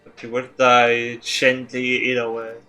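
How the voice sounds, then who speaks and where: A man's voice: medium pitch, monotone, a little slow, bright, forceful tone, soft background music. A male streamer reading game text aloud, chatty and laughing at his own slips.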